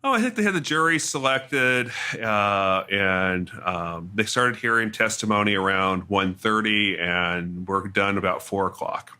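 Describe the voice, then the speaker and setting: A man reporting from a courtroom trial, answering questions in a hesitant, halting way with many restarts. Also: fairly low pitch, sharp tone, smooth. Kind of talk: interview answers.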